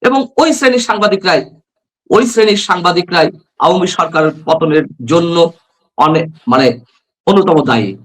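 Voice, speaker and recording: A man's voice: fairly high pitch, normal speed, pauses often, rough recording. A man from Bangladesh, a journalist guest on a political talk show, arguing with passion and firing rhetorical questions.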